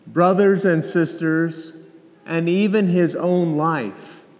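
A man gives a formal, solemn Gospel reading as a clergyman, measured and deliberate, with a cathedral echo. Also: on the high side, slight background noise. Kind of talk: formal liturgical scripture reading. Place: large reverberant church.

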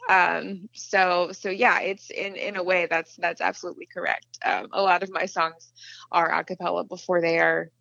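A woman's voice: fairly low pitch, little pitch movement, normal speed, creaky, sharp tone, no room sound. A singer-songwriter from Western Maryland, a woman, speaking over the phone in an interview, thinking aloud in a hesitant way. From Western Maryland, USA. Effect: phone line. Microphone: telephone. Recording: dull lo-fi phone line.

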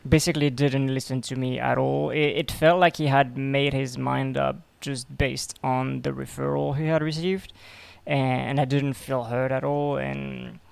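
A man in his twenties from Belgium, a podcast guest telling his story in a halting way, repeating words and filling pauses. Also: mid-range voice, creaky, smooth, dry recording. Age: 20s. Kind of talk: casual interview.

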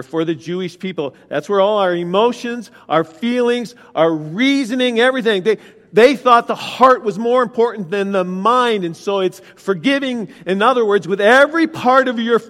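A man's voice: sits high, fairly bright tone. A man preaching a sermon, explaining scripture verse by verse and asking his congregation direct questions. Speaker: pastor. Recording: long hall reverb.

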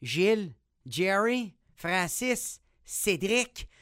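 A man's voice: high voice, extremely slow, clear, resonant tone, no echo, clean studio sound. A young man with a Quebec French accent doing a playful, profanity-laced comic monologue on his podcast. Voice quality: swears a lot, animated and playful. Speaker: podcast host.

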